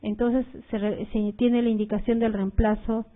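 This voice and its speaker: A woman's voice: mid-range voice, flat delivery, normal speed. A woman giving a recorded medical lecture, explaining slides with frequent fillers and repeated key points to her students. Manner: explanatory, uses fillers like "este" and "eh". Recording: tinny phone-like audio.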